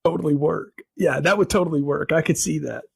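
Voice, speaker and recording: A man's voice: on the high side, fairly quick, gravelly, slightly rough, no echo. A man co-hosting a film podcast, rambling casually and laughing often as he reviews a movie. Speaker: podcast co-host.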